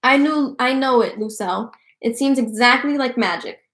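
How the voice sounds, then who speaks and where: A woman voicing a scheming little boy from a storybook who talks in a hushed, dramatic, plotting way. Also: a little high, moderate pace, a little hiss or hum. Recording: roomy echo.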